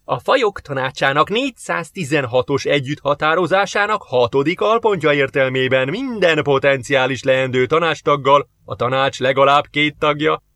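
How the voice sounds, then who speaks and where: A man voicing a scheming male alien diplomat in an audiobook, formal and calm, quoting rules. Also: on the high side, few pauses, no room sound, voice pushed up. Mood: smug.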